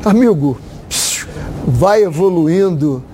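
A man's voice: on the high side, expressive, slow pace, mellow, slight background noise. A man with a Brazilian accent giving opinions as a football pundit, repeating phrases for emphasis. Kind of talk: opinionated panel talk.

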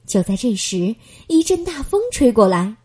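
A woman reading a children's bedtime story aloud in a gentle, expressive manner. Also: fairly high pitch, moderate pace, husky.

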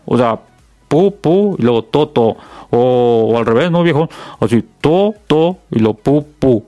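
A man's voice: mid-range voice, normal speed, mellow, dry recording, highs cut off. A man co-hosting, joking in casual slang. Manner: slangy, playful, defensive of his team. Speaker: co-host. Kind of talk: casual banter.

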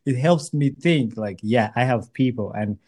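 A man's voice: mid-range voice, normal speed, a little mellow. Earnest man chatting casually with a friend. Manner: earnest, repeats phrases as he builds a point. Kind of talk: casual heartfelt chat between friends.

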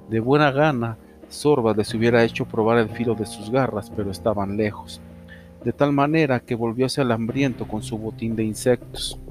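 A man narrating a children's story audiobook in a steady storytelling manner. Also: medium pitch. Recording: music under the reading.

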